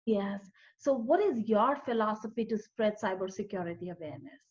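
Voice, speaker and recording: A woman's voice: mid-range voice, expressive, moderate pace. A woman hosting an interview, affirming and summing up the guest's points before asking her next question. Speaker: interviewer, host. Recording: dull lo-fi audio.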